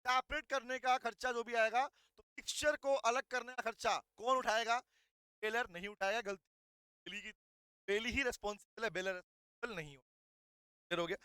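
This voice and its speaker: A man giving a recorded law revision lecture, mixing Hindi and English, reading statute lines slowly and firing rhetorical questions at his students. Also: very high voice, steady tone, sharp tone, clear, resonant tone, dry recording. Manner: asks rhetorical questions and calls students "beta".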